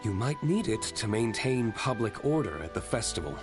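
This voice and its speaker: A man's voice: mid-range voice, big pitch swings, moderate pace, music in the background, natural voice. An actor voicing a stern, aloof male winery owner in a game who speaks curtly and coldly. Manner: curt, cold, clipped. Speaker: game character. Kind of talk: game voice acting.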